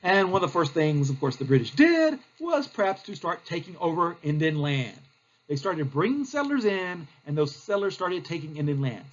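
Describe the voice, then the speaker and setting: A man's voice: on the high side, very animated, moderate pace, highs cut off. A male teacher, giving a recorded history lecture in a plain, explanatory way with frequent fillers.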